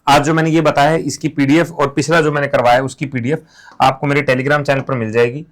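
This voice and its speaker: A man's voice: medium pitch, little pitch movement, quick pace. A man teaching exam material through playful, silly memory stories in a casual classroom manner. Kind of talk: mnemonic lesson, casual classroom talk.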